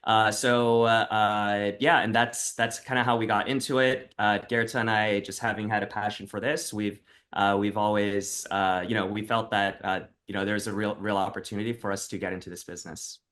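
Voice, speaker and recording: Man, somewhat low voice, hesitant, lots of filler sounds, guest on a podcast. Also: flat delivery, a bit bright. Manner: halting, full of "uh" fillers. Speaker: co-founder, guest. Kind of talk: interview.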